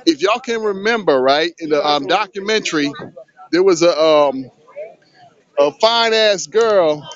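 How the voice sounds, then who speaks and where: A man's voice: fairly high pitch, lively intonation, measured pace. A middle-aged man hosting a casual handheld vlog outdoors on a sunny beach, talking in a loose, hyped, streetwise way. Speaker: vlog host. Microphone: handheld phone camera. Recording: dull lo-fi phone audio.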